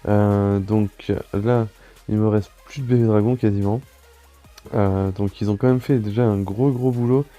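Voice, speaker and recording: A man giving a relaxed gameplay commentary voice-over, explaining his moves with frequent hesitant pauses. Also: fairly low pitch, lo-fi sound, soft background music. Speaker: clan gameplay video maker.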